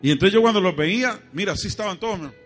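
Speaking in a rapid-fire, high voice, a man delivers an evangelical sermon full of lively storytelling aimed straight at his congregation. There's faint music in the background.

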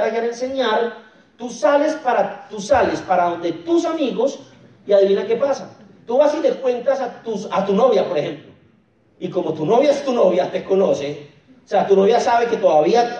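Man, convention stage motivator, mellow voice, jokey, talks to the crowd; distant, echoey, muffled hall recording. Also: extremely high pitch. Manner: jokey, keeps asking the crowd rhetorical questions. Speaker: network marketing leader speaking at a convention. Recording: echoey, dull hall sound from far off.

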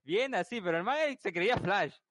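A young man tells a story to his friends with an animated, slightly high voice. He swears freely. He is recorded close and dry, with no room around him. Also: fairly quick, no room sound. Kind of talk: casual anecdote telling among friends.

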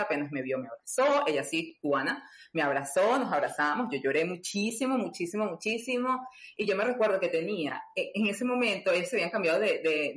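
A guest speaker, a woman with a lowish, slightly bright voice, tells a personal story in a chatty way, full of fillers and acted-out dialogue. The recording has a roomy echo.

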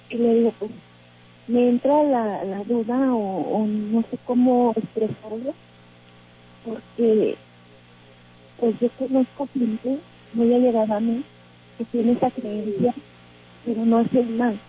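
A woman calling in to tell a frightening story, hesitant and full of fillers, still shaken. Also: a little high. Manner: hesitant, many fillers and restarts. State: shaken, trembling. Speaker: caller. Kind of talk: telling a personal story. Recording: tinny phone line.

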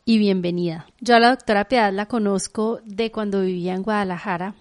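A woman's voice: mid-range voice, fairly even intonation, brisk, darkish tone. A woman from Mexico, hosting a wellness podcast with an upbeat presenter delivery. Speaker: podcast host. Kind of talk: scripted intro and interview.

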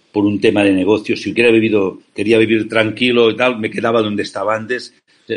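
A man's voice: fairly low pitch, slightly rough. A man from Spain, an ethical banking founder, giving passionate, persuasive interview answers over a remote call, often asking rhetorical questions.

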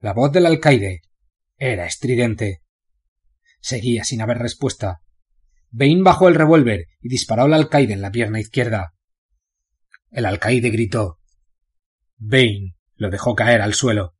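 A man narrating a novel in a steady, dramatic storytelling manner with a husky voice. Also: mid-range voice, unhurried, long pauses. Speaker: audiobook narrator.

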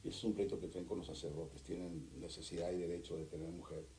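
A man's voice: low-pitched, echoey room, a little hiss or hum, low-quality recording. A man, a therapist and author talking animatedly as a guest in an interview. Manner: animated, acts out couples in quick voices. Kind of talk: conversational interview.

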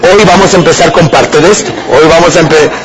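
A Mexican man speaks to a live seminar audience in a fairly high voice. His delivery is conversational, and he keeps putting questions to the room. The recording carries a clear layer of background noise. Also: brisk, a loud crowd. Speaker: motivational speaker.

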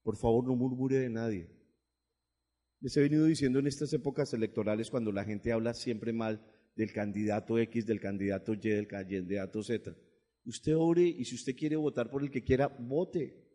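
A male pastor preaching a sermon, swinging from loud, emphatic bursts to low, quiet asides. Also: moderate pace, big-room sound.

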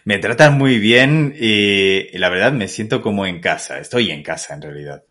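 A man from Spain appears as a guest consultant on an interview podcast. His voice sits somewhat low for a man. He explains his work in a calm, thoughtful, conversational way. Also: moderate pace.

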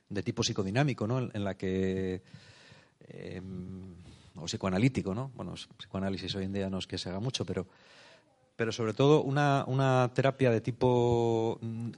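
With a darkish tone and a voice on the low side, a man delivers a reflective spiritual talk as a preacher. He takes his time and keeps adding "eh?" and "no?" to check in with listeners.

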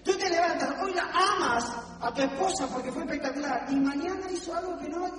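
Animated pastor preaching in an echoey hall. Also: male voice, very high-pitched, a little fast, far from the mic, a little hiss or hum. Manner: animated, acts out quoted voices. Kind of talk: sermon with humor. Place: church hall.

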